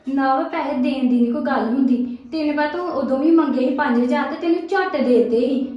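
A woman's voice: high-pitched, fast, lightly acted. An actress with a Punjabi accent playing a young daughter-in-law who defends her household spending, justifying herself and trying to placate. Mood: defensive. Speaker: actor in a family drama. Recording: echoey room, dull lo-fi sound.

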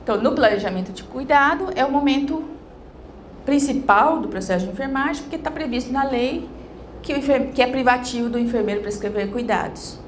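A woman's voice: high-pitched, brisk, slight background noise. A middle-aged woman giving a conference lecture into a handheld mic in a large hall, explaining step by step and checking in with tag questions.

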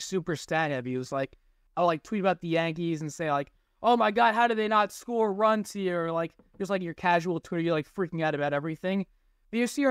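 A man's voice: a little high, dry recording, studio quality. A teenage boy answering interview questions over a video call, rambling and filling his sentences with "like". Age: teens. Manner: rambling, lots of "like". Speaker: guest, baseball analytics tweeter. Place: small room indoors. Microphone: webcam on a video call.

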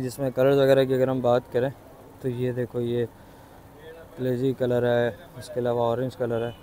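Holding his phone camera, a vlogger from Pakistan strolls through an outdoor city bazaar, chatting with enthusiasm and asking shopkeepers for prices in a casual market tour. His mid-range voice is warm, with slight background noise.

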